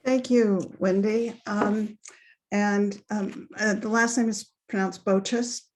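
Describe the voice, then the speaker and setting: A woman reads her poetry in an unhurried, deliberate way, lingering on each line. Between the poems she talks plainly about them. She sounds like she's on a computer mic during a video call. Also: mid-range voice, steady tone, background noise. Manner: slow, measured reading of her own verse. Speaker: featured poet. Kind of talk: poetry reading with spoken asides.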